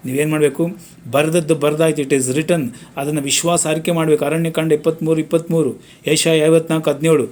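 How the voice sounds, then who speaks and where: A man's voice: mid-range voice, a little mellow. Pastor guy preaching, repeats his refrains, medium voice. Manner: repetitive preaching with refrains and scripture references. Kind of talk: sermon.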